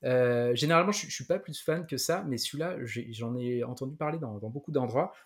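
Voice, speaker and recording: A man's voice: medium pitch, fairly quick. A man co-hosting a podcast in casual chat, talking with many fillers and restarts. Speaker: podcast co-host.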